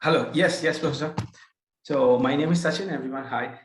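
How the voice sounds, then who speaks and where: A man from India introduces himself to a conference call, quick and polite with plenty of fillers. His voice carries a noticeable room echo, as if he is sitting in a bare space. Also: medium pitch, a little hiss or hum. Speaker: conference participant. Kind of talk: online self-introduction. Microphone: video call. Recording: roomy video-call audio.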